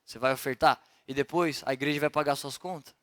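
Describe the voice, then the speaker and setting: A man voicing a scornful male tempter spirit who mocks and discourages, dropping his voice lower than his own. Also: fairly even intonation, quick pace, a bit bright, natural voice. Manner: mocking, dismissive.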